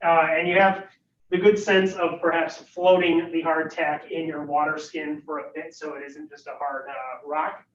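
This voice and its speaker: A man's voice: on the high side, level tone, moderate pace, a bit bright, a little hiss or hum. A man narrating as game master of a tabletop game, hesitant and full of fillers. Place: room at a livestreamed faculty game. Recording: roomy, distant, dull recording.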